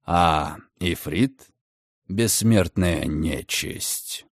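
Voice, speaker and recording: A man voicing a sly, mocking gentleman who speaks in a low, quiet drawl. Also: drawn-out words, no room sound, studio quality, full character voice. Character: mocking, menacing grown gentleman, sly and cold.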